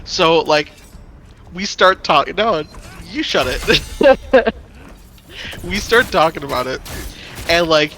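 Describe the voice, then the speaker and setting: Young male gamer host, higher bright voice, animated swearing storyteller on a mic. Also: slow, long pauses, faint music behind. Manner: animated, profane, laughing storyteller. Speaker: let's play host. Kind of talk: casual storytelling while gaming.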